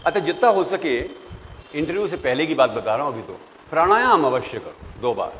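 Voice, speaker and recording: A man's voice: fairly high pitch, fairly quick. Older man lecturing in a reverberant hall. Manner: animated, storytelling, mixes English phrases, acts out quoted voices. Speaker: professor giving interview tips. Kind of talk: classroom lecture. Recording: long reverb, faint noise.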